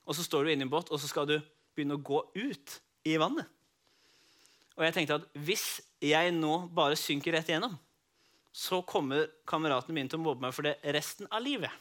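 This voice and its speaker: Telling a children's Bible story in the first person, a man with a high, bright, forceful voice takes the part of one of the disciples. He occasionally addresses his young audience directly and keeps the story lively and dramatic.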